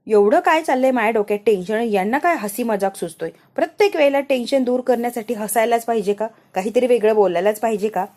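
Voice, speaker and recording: A woman's voice: fairly high pitch, fast talker, few pauses, warm tone, lightly acted. A woman reading out the complaints of an annoyed, stubborn young wife from a serial.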